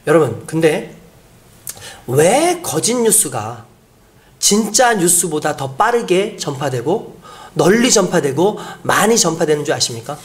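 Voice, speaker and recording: Lively high-pitched Korean man preaching. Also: measured pace. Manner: preaching with dramatic shifts, acting out quoted voices. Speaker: pastor. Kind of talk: sermon. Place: church sanctuary.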